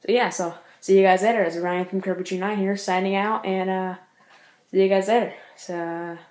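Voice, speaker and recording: A male vlogger giving a casual update from home, talking fast, stuttering and filling gaps with uh and like. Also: high voice, steady tone, a little mellow, echoey room. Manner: speaks fast, stutters, lots of uh and like. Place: room at home.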